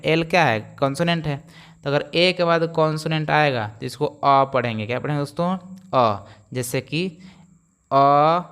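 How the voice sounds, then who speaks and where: A man's voice: mid-range voice, fairly bright tone, smooth. A man teaching English pronunciation rules, explaining step by step and answering his own questions. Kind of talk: spoken phonics lesson.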